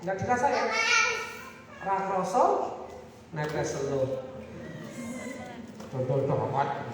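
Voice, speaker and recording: A woman's voice: low-pitched, big pitch swings, slow pace, background noise. A woman teaching teachers a recitation method, drilling them in call-and-response with sing-song prompts. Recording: echoey hall, far from the mic, crowd behind.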